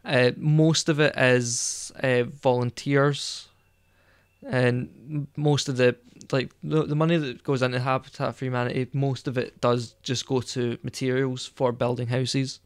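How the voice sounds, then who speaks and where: A man with a smooth, clear voice chats loosely on a podcast, wandering through his points with plenty of ums and likes. The sound is dry and close, with no room around it. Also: medium pitch, level tone, unhurried, dry recording. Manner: rambling, hesitant, many fillers. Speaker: podcast co-host. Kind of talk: casual chat.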